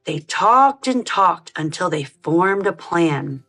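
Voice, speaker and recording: A woman narrating a children's storybook as a read-aloud host, in an expressive, measured style. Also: lowish voice.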